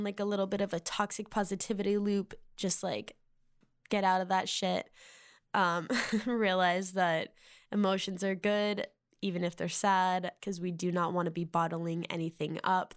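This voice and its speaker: A woman's voice: medium pitch, clean tone. A young woman in her twenties with a Valley Girl accent, hosting a casual solo podcast, rambling and filling her talk with "like". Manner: rambling, heavy use of "like" fillers. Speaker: podcast host.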